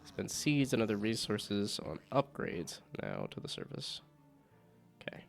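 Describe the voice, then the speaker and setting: A man's voice: lowish voice, wildly swooping pitch, a little slow, gravelly, faint music behind. Chatty laughing male game streamer. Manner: chatty, laughs often, reads game text aloud. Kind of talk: casual game stream chat.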